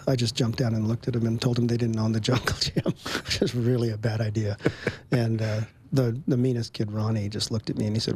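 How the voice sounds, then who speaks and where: A man telling a personal story in an interview, relaxed, with frequent ums and little chuckles between phrases. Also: mid-range voice, a little hiss or hum. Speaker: guest.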